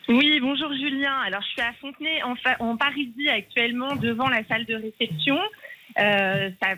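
A woman reporter speaks live from outdoors in front of a building, describing what she sees and does step by step. Her voice is bright and clear. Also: fairly high pitch, normal speed, poor audio. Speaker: field reporter.

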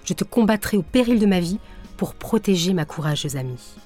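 A woman voicing a wise, protective old female bear in a storybook, calm and steady. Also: fairly low pitch, fairly quick, faint music behind. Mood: resolute.

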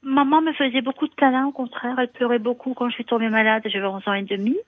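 A woman's voice: a little high, fairly even intonation, fast, no echo. A woman calling a radio show over a landline phone, talking hesitantly and repeating her words as she confides. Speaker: radio caller. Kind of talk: call-in conversation. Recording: tinny phone line, dry.

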